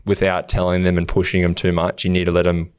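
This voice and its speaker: Low, flat-voiced Australian man. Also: fast, clean tone, no room sound, studio quality. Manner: earnest, acts out quotes of himself. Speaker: podcast co-host. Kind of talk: casual motivational chat.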